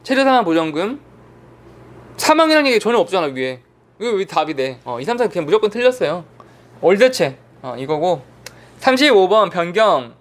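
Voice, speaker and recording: Animated, high-pitched male instructor. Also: normal speed. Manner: animated, asks and answers his own questions. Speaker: insurance exam instructor. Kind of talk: online lecture.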